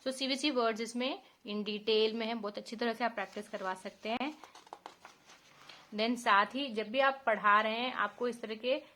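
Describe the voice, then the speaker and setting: A woman's voice: fairly high pitch, fairly even intonation, normal speed, bright, forceful tone. A woman in her thirties with an Indian accent, walking parents through a children's phonics book and spelling out letter sounds patiently. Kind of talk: teaching walkthrough.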